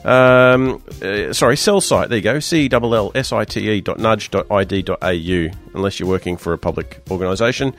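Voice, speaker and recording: An Australian man with a croaky, hoarse voice hosting a radio show in a casual, chatty, joking way. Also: lowish voice, a little fast, hardly any pauses, a bit bright, soft background music. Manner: chatty, loose, jokey banter. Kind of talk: casual panel-show presenting.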